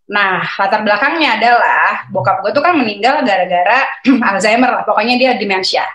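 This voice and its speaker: A woman's voice: mid-range voice, expressive, brisk, a bit bright. A middle-aged woman, telling a personal story as an interview guest in a chatty way, acting out dialogue with many fillers. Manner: chatty, acts out quoted dialogue, frequent fillers. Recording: roomy echo.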